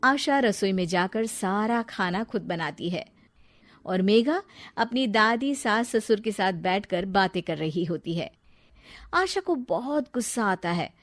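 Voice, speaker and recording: A woman narrating a bedtime storybook in a calm, even storytelling manner. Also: mid-range voice, unhurried, no echo.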